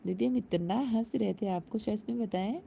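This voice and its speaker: A woman's voice: mid-range voice, moderate pace, gravelly, mellow, slight background noise. A woman hosting a casual live stream, chatting and laughing with viewers and greeting them by name.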